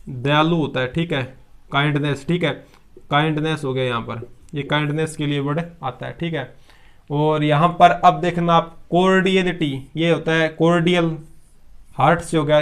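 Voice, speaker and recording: A man teaching a vocabulary lesson, asking questions aloud and answering them himself, with English words mixed into his explanations. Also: fairly high pitch. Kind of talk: classroom-style vocabulary lesson.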